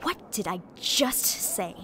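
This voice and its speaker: A woman playing a proud young pony princess in a radio drama, regal and expressive in manner. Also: mid-range voice, takes it slowly, background noise. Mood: exasperated, indignant. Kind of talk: fan radio drama voice acting.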